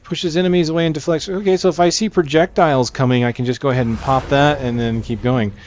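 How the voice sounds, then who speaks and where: A man narrates a gaming video with casual walkthrough talk, his voice a little high yet darkish in tone, steady, and quick. The mic is slightly dull and video game music plays behind.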